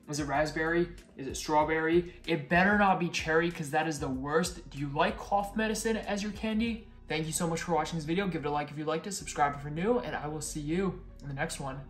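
A young man chatting upbeat to camera as a food vlogger, talking while he chews. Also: a little high. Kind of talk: casual chat to camera. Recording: echoey room with faint music.

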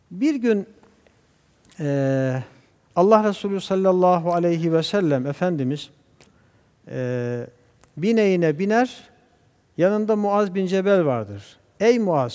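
A man speaking as a guest scholar on a religious TV program, talking in a measured, preacher-like way and reciting Arabic verses. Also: sits high, darkish tone, long reverb tail. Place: TV studio.

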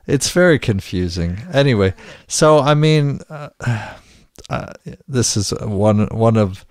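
A man's voice: mid-range voice, lively intonation, slow pace, a little mellow, no echo, clean studio sound. A man co-hosting a podcast in casual chat, reading book passages aloud and restarting his sentences often. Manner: hesitant, many restarts and fillers. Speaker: podcast co-host.

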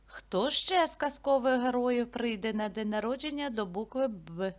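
A woman teaching a literacy lesson who asks simple questions and answers them herself, stretching words slowly and clearly. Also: a little high. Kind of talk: slow, clear classroom lesson narration.

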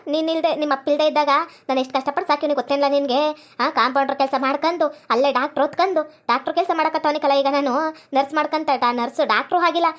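A woman's voice: high-pitched, natural voice. Woman playing a wailing forties village mother. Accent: North Karnataka Kannada. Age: 40s. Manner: wailing, scolding, repeated rhetorical questions. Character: distraught middle-aged village nurse-mother, furious at her son. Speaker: actress in a village skit.

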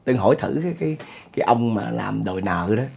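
A man's voice: lowish voice, animated, fast, vocal fry, darkish tone, husky. A middle-aged man with a Southern Vietnamese accent, hosting and telling a spoken ghost story in a chatty way, talking to his listeners. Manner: chatty, addresses listeners, chuckles often. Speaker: storyteller host.

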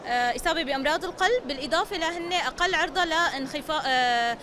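A woman's voice: sits high, expressive, quick pace, bright, forceful tone. A woman, a psychological support worker explaining ideas in an interview in a lecturing way. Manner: fluent, lecturing, with frequent fillers. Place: busy indoor exhibition hall. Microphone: handheld interviewer mic. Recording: noisy busy hall.

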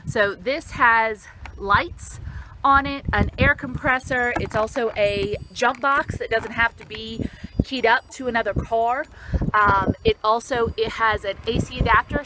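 Standing by her open car trunk on a sunny street, a young woman records a casual show-and-tell vlog on a close-up camera. Her voice sits on the high side and she speaks unhurriedly, with lots of ums and restarts over background noise.

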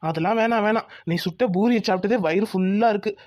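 A woman voicing a gentle, devoted young village husband who works as a mechanic. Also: medium pitch, no echo, lo-fi sound, lightly acted. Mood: tender. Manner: gentle, reassuring, quick talk. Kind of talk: cartoon voice acting.

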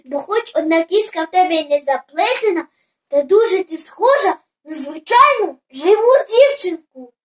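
Storyteller putting on a friendly, misshapen storybook boy creature with a very high, bright voice. He sounds eager and a bit sheepish. The reading rings in an echoey room. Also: normal speed. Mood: cheerful. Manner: bright, apologetic, excitable. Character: good-natured lopsided boy creature.

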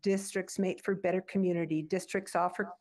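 A woman's voice: on the low side, fairly even intonation, a little fast, a little mellow. An older woman and former landmarks board chair calls in remotely over a video link and reads an earnest, formal public comment that includes a long quoted passage. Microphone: remote video call.

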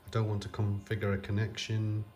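A man's voice: lowish voice, completely flat delivery, brisk, darkish tone, a little hiss or hum. A man talking off camera while he works on an old computer, hesitant and full of fillers. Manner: hesitant, many fillers, thinking aloud. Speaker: computer restoration vlogger. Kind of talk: casual off-camera commentary.

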